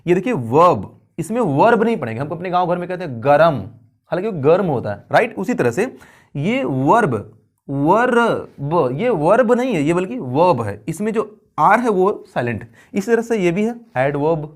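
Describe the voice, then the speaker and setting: A man's voice: high voice, big pitch swings, fast. A man teaching an English grammar lesson in a playful, jokey way. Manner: playful, jokey, addresses viewers as kids. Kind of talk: classroom lesson.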